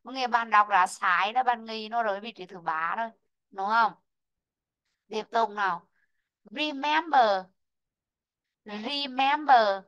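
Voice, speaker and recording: A woman teaching an online English lesson, slowly modelling word stress and calling out students who answered right. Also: mid-range voice, bright, forceful tone, smooth, muffled recording. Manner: slow, drawn-out model pronunciations of English words; calls out student names and marks answers right.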